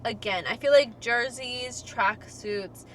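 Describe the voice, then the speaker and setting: A woman's voice: on the high side, slow, a little hiss or hum. A young woman co-hosting a casual fashion podcast, chatty and full of fillers, laughing easily. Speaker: podcast co-host. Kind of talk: casual chat.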